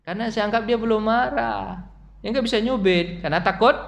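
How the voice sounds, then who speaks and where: This middle-aged man's voice sits high and carries vocal fry as he preaches at a fairly quick pace during a mosque study session. He tells stories animatedly and poses questions to his audience.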